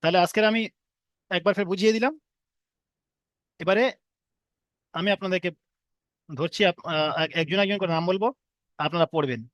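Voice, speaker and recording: A man's voice: high voice, normal speed, long pauses, fairly bright tone, no echo. A man teaching an online class, patiently repeating and drilling each letter sound for his students.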